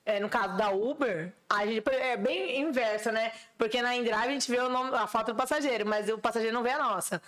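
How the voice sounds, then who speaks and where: A woman's voice: fairly high pitch, a little fast, few pauses, a bit bright. A woman, a ride-hailing driver chatting casually and emphatically, full of rhetorical questions. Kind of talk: casual chat.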